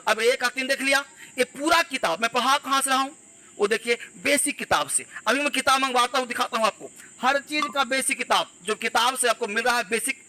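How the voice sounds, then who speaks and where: A man teaching an English pronunciation class, drilling words slowly and repeating them, asking his students rhetorical questions. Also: very high-pitched, pushed and bright, rough recording. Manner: addresses students directly, asks rhetorical questions. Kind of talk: classroom lesson.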